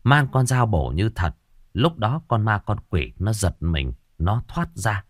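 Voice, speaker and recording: Expressive man narrating a ghost story. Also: lowish voice, measured pace, no echo, studio quality. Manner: dramatic, expressive.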